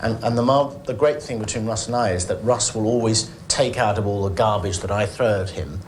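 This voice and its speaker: A man's voice: on the low side, brisk, slight background noise. A man in a documentary interview, talking about design work with enthusiasm and some restarts.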